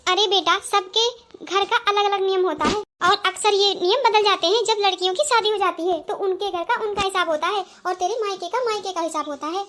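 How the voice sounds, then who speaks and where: A woman voicing the bride's gentle, patient father in a cartoon, speaking soothingly in a high voice. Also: a little fast. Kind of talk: Hindi cartoon voice acting.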